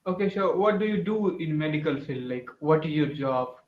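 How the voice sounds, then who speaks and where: A man from eastern India practicing English with a tutor, speaking haltingly with many fillers. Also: a little high, lively intonation. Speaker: English learner, teacher. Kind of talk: casual online conversation lesson. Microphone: video call. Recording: echoey, dull video call audio with faint noise.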